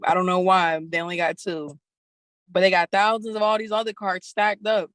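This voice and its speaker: A woman's voice: fairly low pitch, little pitch movement, normal speed, a bit bright, no room sound. A young woman, a rapper guest in a casual interview, talking bluntly and candidly with lots of slang and swearing.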